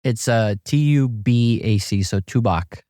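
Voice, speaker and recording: A middle-aged man chatting casually as a guest, telling stories in a relaxed way with lots of fillers and restarts. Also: medium pitch, a little slow, smooth, dry recording, clean studio sound. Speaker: amateur golfer guest. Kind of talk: casual chat.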